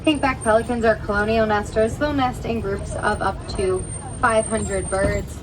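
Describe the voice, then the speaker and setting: A woman's voice: fairly even intonation, unhurried. A woman with an American accent giving an emphatic, rehearsed spoken tour as a safari guide and driver. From Pennsylvania, United States. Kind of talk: spoken tour commentary to passengers. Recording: distant, noisy recording aboard a rumbling truck.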